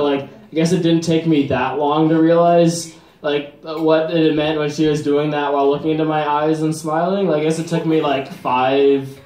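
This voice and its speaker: A man doing a stand-up comedy set, talking in a halting, deadpan way full of "like" and "um" fillers. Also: on the high side. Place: comedy venue. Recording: roomy live venue echo, faint ambience.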